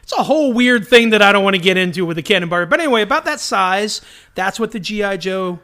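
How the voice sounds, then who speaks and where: This middle-aged podcast host keeps the casual chat loose with jokes and digressions. He talks fast in a high, expressive voice that's bright with a forceful tone.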